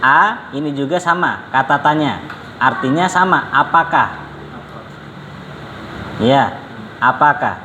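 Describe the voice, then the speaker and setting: A man's voice: mid-range voice, animated, takes it slowly, pauses often, lo-fi sound. A man teaching an Arabic lesson to adults in a classroom, patiently drilling phrases and drawing out question intonation. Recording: echoey room with faint background noise.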